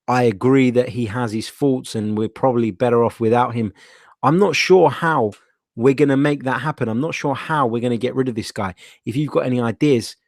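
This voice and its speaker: A man's voice: mid-range voice, darkish tone, no room sound, clean studio sound. A man with a London accent casually presenting a live football fan phone-in in a blunt, matey way.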